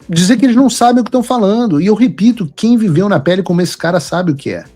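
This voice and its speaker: A man's voice: sits high, animated, quick pace, dark tone, soft background music. A man hosting a political commentary show, talking in an emphatic, lecturing way.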